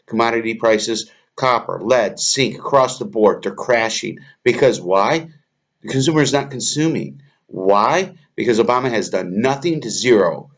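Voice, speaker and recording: A man giving an angry, profane rant as he reacts to video clips, heated and contemptuous. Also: fairly high pitch.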